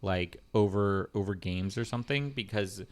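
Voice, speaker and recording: A young man co-hosting a casual podcast discussion, pausing often with ums and restarting his sentences. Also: on the low side. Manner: hesitant, many ums and restarts. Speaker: podcast co-host.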